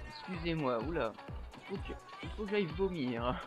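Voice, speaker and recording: Rowdy man, lively high voice. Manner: playing drunk, slurring, rowdy outbursts and laughter. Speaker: gameplay commentator. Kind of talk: casual gameplay commentary.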